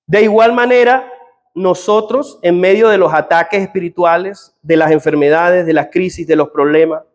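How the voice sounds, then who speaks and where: A middle-aged man with a notably high voice delivers a sermon as a pastor. He speaks earnestly and draws on personal stories, quoting what others told him. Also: steady tone, moderate pace. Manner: earnest, personal storytelling with quoted dialogue.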